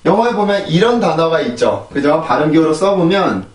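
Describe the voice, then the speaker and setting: Guy teaching pronunciation, kinda high voice, bit far from the mic in an echoey room. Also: lively intonation, fairly quick. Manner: patient, demonstrates sounds by repeating them. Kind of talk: explanatory video lesson.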